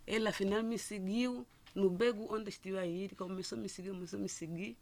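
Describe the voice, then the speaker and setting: Woman, middle-aged, gravelly, halting with restarts, dry sound. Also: medium pitch, fairly even intonation, a little mellow, no room sound. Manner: halting, with frequent restarts and repeated words. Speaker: listener telling her story. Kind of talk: personal testimony.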